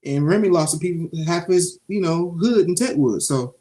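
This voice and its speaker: A young man talks through a TV episode with a loose, streetwise swagger, swearing and storytelling as he goes. His voice sits a little high for a man. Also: expressive, moderate pace, mellow. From Jacksonville, Florida (Duval). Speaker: podcast co-host. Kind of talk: casual show review chat.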